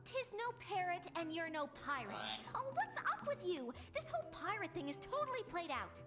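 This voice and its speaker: A woman's voice: extremely high pitch, sing-song, normal speed. An actress playing a sensible, sarcastic teenage girl. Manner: dry, skeptical remarks. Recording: cartoon soundtrack with music.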